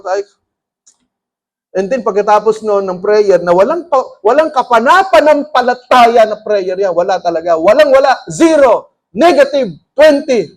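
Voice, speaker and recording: A man, a pastor preaching a lively, conversational sermon full of stories and laughter. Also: high-pitched. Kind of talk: storytelling sermon.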